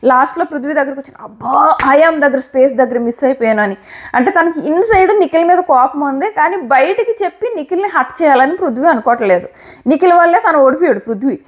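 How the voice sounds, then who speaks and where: A woman giving an opinionated, animated review of a reality show episode. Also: sits high, quick pace. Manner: animated, opinionated retelling with quoted lines. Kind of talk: casual commentary.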